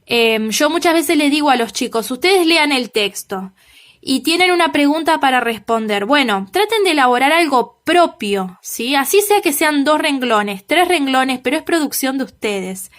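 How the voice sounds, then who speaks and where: Female teacher, high pitched, patient recorded feedback to students, emphatic on examples, frequent check-ins. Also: expressive, fairly bright tone. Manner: checks in with "¿sí?" after nearly every point, many "eh" fillers; slow, emphatic on key examples. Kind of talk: recorded lesson giving feedback on assignments.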